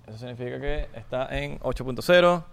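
This is a man speaking Spanish, hosting a laid-back video. His delivery is playful and chatty, and he uses plenty of casual slang. His voice sits at an ordinary middle pitch for a man. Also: fairly quick, vocal fry, clean tone. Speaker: host. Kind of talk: casual chat.

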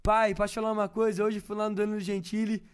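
A man's voice: high-pitched, level tone, quick pace, clear, resonant tone. A tipsy, effusive man, swearing freely in a casual podcast chat. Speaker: podcast guest.

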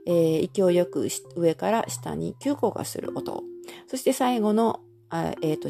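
A woman teaching in an audio lesson, explaining patiently step by step and filling pauses with many soft hesitations. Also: mid-range voice. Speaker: Chinese language teacher.

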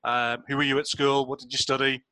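A man's voice: medium pitch, level tone, brisk, sharp tone, clean tone, no echo. A man hosting a casual interview, asking rambling questions with many restarts. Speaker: interviewer, host.

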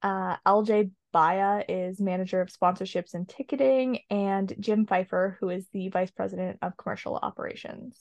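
A woman's voice: mid-range voice, steady tone, moderate pace, hardly any pauses, a little mellow, dry recording. A woman chatting casually on a podcast, opinionated and rambling with lots of ums. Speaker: podcast co-host. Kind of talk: casual chat.

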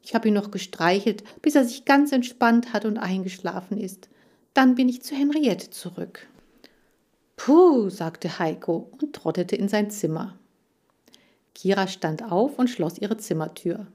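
A woman reads a children's audiobook. Her narration is even and clear, in a steady storytelling manner. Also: medium pitch, a little slow. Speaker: audiobook reader.

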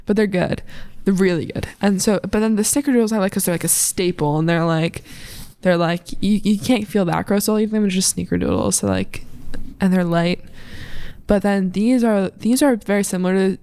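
A woman's voice: mid-range voice, a little fast, dark tone. A young woman chatting casually in a bubbly, gushing, girlish way, peppering her talk with "like" and "literally". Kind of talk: casual chat.

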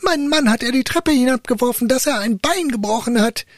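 A man reading a fairy tale aloud, voicing the sexton's distraught wife in a high, wailing voice. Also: animated, a little fast, no echo, clean studio sound.

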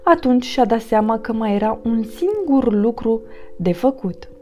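A woman reading a children's picture book aloud, gentle and expressive. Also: fairly high pitch, a little hiss or hum. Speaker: storyteller.

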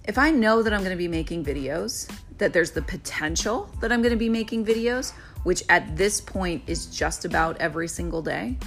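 A woman's voice: lowish voice, lively intonation, normal speed, hardly any pauses, soft background music. A woman hosting her own podcast, talking casually and encouragingly to listeners, often checking in with "right?". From Florida. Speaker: podcast host; real estate agent and video coach. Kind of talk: casual solo podcast talk.

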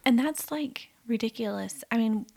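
Chatty woman with vocal fry. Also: a little high, moderate pace, darkish tone. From Ontario, Canada. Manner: chatty, rambling, laughs often. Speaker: podcast co-host. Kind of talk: casual chat.

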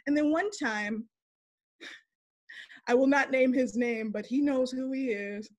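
A young woman, an interview guest, telling a candid story in a blunt, animated way, swearing freely and acting out what people said. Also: high voice, unhurried. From United States. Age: young adult.

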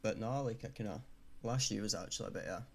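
A man's voice: fairly low pitch, quick pace, creaky. A Scottish man co-hosting a casual podcast chat, jokey and teasing, laughing often. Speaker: podcast co-host.

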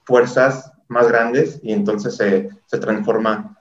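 A man's voice: mid-range voice, steady tone, slow, echoey room, lo-fi sound. A male host, speaking reflectively in casual chat.

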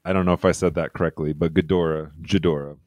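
Deep-voiced man, dry close sound. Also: little pitch movement, very fast, darkish tone, dry recording. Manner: laid-back, laughing, jokey asides. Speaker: podcast co-host. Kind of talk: casual chat.

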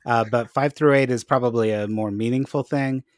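A man's voice: medium pitch, fairly even intonation, normal speed, no room sound, studio quality. A man hosting a casual podcast chat, playful and jokey as he steers the topics. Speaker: podcast host.

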